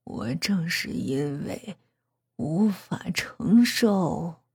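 A woman voicing an ancient, bald old woman who speaks in a slow, creaky, menacing whisper. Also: fairly low pitch, animated, a little mellow, no echo, clean studio sound, heavily acted. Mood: ominous. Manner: drawn-out, menacing warnings. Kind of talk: storybook narration.

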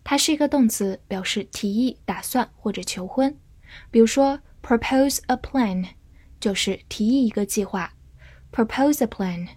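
Woman, English teacher, slow deliberate lesson, dry close recording. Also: on the high side, a little mellow, dry recording. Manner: clear, slow model reading of example sentences. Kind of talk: scripted vocabulary lesson.

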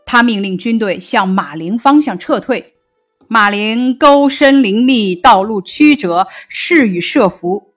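A woman teacher reading a lesson text aloud, steady and clear. Her voice is fairly high. Gentle music plays faintly underneath. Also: takes it slowly.

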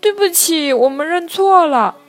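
Woman voicing eager little baby turtles for a storybook, high and chirpy, bright childlike calls, faint music behind. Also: fairly even intonation, moderate pace.

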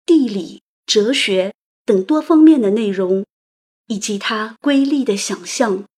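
A woman tells a literary story in a soft, delicate, romantic way. Her voice sits a little high and carries a breathy edge. She takes her time with each phrase. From China. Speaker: audio program host and narrator.

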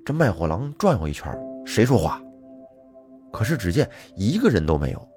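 Guy spinning a folk tale, low voice that swings around a lot, faint music behind. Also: normal speed. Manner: lively colloquial storytelling with fillers. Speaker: storyteller.

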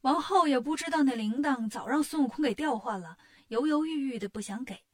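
A woman narrating a children's story in a lively, sing-song, expressive way. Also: high-pitched, fairly quick.

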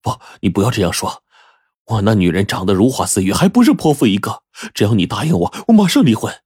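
A man's voice: lowish voice, very animated, quick pace, a little mellow, husky, no room sound, clean studio sound. A man voicing a middle-aged male factory director who talks in a coaxing, insistent way.

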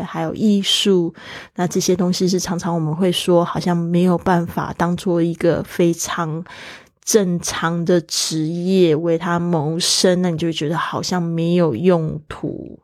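A woman teaching English vocabulary in a bilingual lesson, slowing down to spell words out letter by letter. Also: lowish voice, darkish tone, no room sound, clean studio sound.

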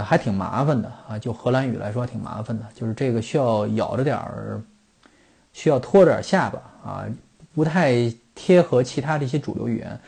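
Gravelly, husky man musing on football. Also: mid-range voice, mellow. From China. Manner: rambling, full of "uh" fillers and restarts. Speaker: football podcast host. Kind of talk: casual explanatory monologue.

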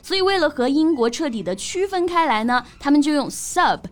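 A young woman co-hosts a bilingual English-learning podcast in a bright, chatty way. Her voice sits somewhat high and rises and falls a great deal as she stresses key words. She laughs easily along the way. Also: a little fast. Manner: lively, explains with rising emphasis, laughs easily. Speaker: podcast co-host.

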